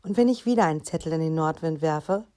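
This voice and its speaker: A woman reading aloud and voicing a small, curious boy in a higher, eager tone. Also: fast talker, darkish tone, lightly acted. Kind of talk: read-aloud storybook voice.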